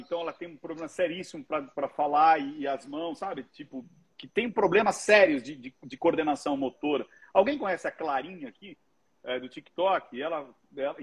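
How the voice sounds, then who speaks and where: A man tells stories with lively energy and swears casually. His voice sits higher than most men's and has a husky edge. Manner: animated storytelling, swears freely. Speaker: guest, oratory teacher. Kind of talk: casual commentary chat.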